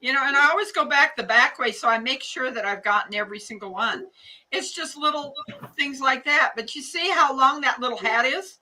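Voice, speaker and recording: A woman's voice: high voice, brisk, pushed and bright, rough recording. An older American woman with a Midwestern accent chats casually in a folksy, rambling way as she leads a live craft class. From United States. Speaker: hat loom craft class teacher. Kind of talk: casual live tutorial chat.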